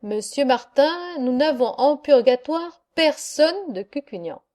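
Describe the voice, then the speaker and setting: A woman reading an audiobook voices a solemn angel who keeps the records, speaking gravely in a measured, somewhat weary way. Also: sits high, expressive, mellow. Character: solemn angel with dark wings, record keeper.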